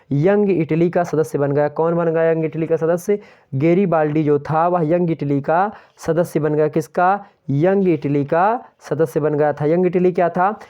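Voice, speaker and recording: A man's voice: a little high, a little mellow. A young man teaching an exam-prep lecture online, who asks questions aloud and answers them himself and keeps urging viewers to like and share. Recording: dull lo-fi sound.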